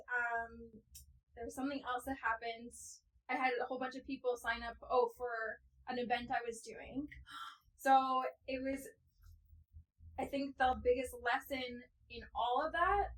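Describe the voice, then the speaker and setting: A woman's voice: high-pitched, steady tone, a little slow, fairly bright tone, low-quality recording. A woman co-hosting a podcast, talking openly and emotionally, tearful as she speaks. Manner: open, emotional, talks through tears. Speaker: podcast co-host. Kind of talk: casual chat.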